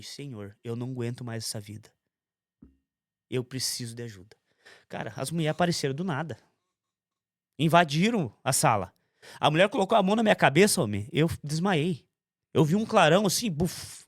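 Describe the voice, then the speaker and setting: A man's voice: mid-range voice, dry recording, clean studio sound. Intense man telling his story. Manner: intense, animated storytelling with quoted voices. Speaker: guest giving testimony. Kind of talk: conversational testimony.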